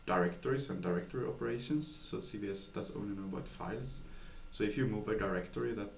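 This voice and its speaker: Speaking quickly in a gravelly, low-leaning voice, a Swedish man gives thoughtful answers in an interview. He's a software developer who hesitates often, with lots of fillers and restarts. The recording is lo-fi and dull, made in an echoey room with faint noise.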